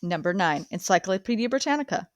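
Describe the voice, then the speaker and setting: A woman's voice: medium pitch, expressive, fast, no echo. A woman reading a book aloud, dry close sound. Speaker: audiobook reader.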